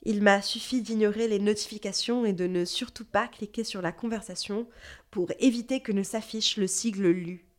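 A woman from Lebanon with a Parisian French accent reads a literary first-person narration in a measured, introspective manner. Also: medium pitch, fairly even intonation. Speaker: narrator telling her own story.

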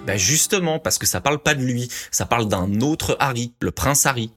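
A man's voice: mid-range voice, expressive, normal speed, a bit bright, faint music behind. A man hosting a comedic podcast, explaining things in an emphatic, mock-lecturing way. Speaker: podcast host.

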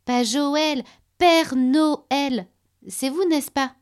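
A woman's voice: a little high, moderate pace, a little mellow, pitched above the performer's own voice, close to an everyday voice. A woman doing an eager little girl in a storybook. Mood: insistent. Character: curious determined young girl.

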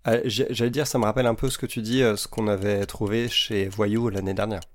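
A man's voice: lowish voice, flat delivery, a little fast. A man co-hosting a casual music show, giving careful opinions and searching for words with many fillers. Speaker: co-host.

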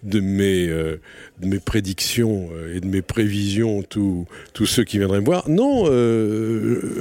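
Hesitant low-voiced man being interviewed. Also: a little mellow, no echo. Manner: hesitant, many fillers and restarts. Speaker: interview guest, author. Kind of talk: casual interview chat. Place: restaurant.

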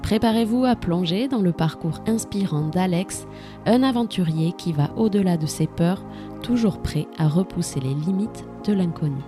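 A woman hosting a travel podcast, reading her introduction in a clear, measured way. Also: fairly low pitch, music in the background. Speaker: podcast host. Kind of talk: scripted podcast introduction and interview.

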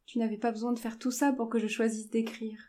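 A woman's voice: on the high side, little pitch movement, quick pace, dark tone, pitched above the performer's own voice, natural voice. A woman voicing an eager, impetuous young English lady who pleads and exclaims with urgency in a storybook reading. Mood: tender.

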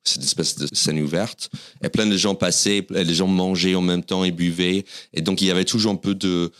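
A man's voice: sits low, steady tone, fairly quick, a bit bright, smooth. A man with an American accent, whose first language is English, speaking French as a comedian guest on an interview podcast and telling his stories in a self-deprecating way. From United States.

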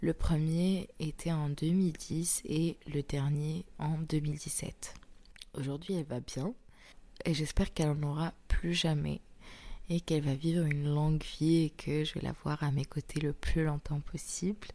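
A young woman hosting an intimate solo podcast while sick with tonsillitis, speaking softly through a very sore throat and often slipping into a breathy near-whisper. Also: low voice, fairly even intonation, normal speed. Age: young adult. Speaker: podcast host.

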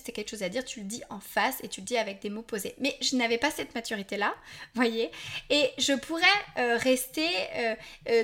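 A woman's voice: fairly high pitch, fairly bright tone. A woman in her forties hosting a podcast, talking candidly and casually to her listeners, with frequent asides and self-deprecating apologies. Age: 40s. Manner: chatty, candid, addresses listeners directly. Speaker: podcast host.

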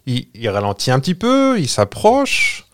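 A man's voice: mid-range voice, wildly swooping pitch, moderate pace, a bit bright, smooth, dry recording, clean studio sound. A man telling a spooky story in a casual, joking podcast chat, with frequent hesitations. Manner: tells a ghost story with jokes and hesitations.

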